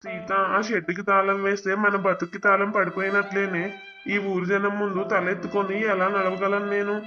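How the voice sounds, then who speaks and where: A man's voice: high-pitched, completely flat delivery, brisk, dull audio, soft background music, close to an everyday voice. A man voicing a dignified village father past sixty, pleading formally for his honour. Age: older. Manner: pleading, formal, addresses officer respectfully.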